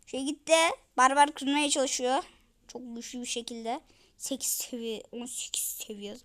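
A woman hosting a gaming channel, commenting on her play in an excitable, chatty way with sudden yells. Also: high voice, measured pace. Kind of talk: game commentary.

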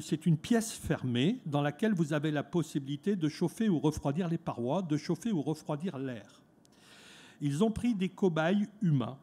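A man with a fairly high but mellow, warm voice gives a talk at a fair. He speaks loosely, with lots of "hein" and small restarts, addressing a live room. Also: breathy edge. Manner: conversational, frequent "hein" tags, restarts. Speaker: lecturer at a trade fair talk. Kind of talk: conference talk. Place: conference room at an eco fair.

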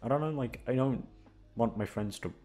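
At a moderate pace, a young man with a mid-range, a little mellow voice chats to his listeners with music behind him. He's an audio roleplay voice actor, and his rambling is hesitant, self-deprecating, and full of swearing.

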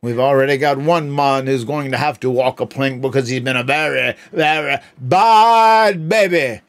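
A man's voice: mid-range voice, normal speed, lightly acted. A man putting on a pirate captain voice, growling threats about walking the plank. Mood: menacing, playful. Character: gruff blustering male pirate captain.

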